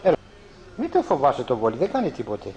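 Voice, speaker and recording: A man outdoors in a garden, filming on a handheld camera, calling and coaxing a pet in a raised voice, then quietly showing the garden. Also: mid-range voice, wildly swooping pitch, faint music behind, poor audio. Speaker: pet owner filming his dog and garden. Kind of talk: casual home video commentary.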